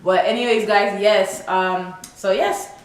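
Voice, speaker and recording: A young woman from Toronto vlogs casually and animatedly to camera, answering tag questions, her Canadian accent sliding into Jamaican Patois. Her voice is medium in pitch with fairly even intonation and an unhurried pace. The room is very echoey, with background hiss.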